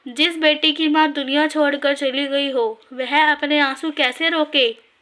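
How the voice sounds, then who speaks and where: A woman's voice: sits high, steady tone, measured pace, fairly bright tone. Woman reading as a grieving young mother.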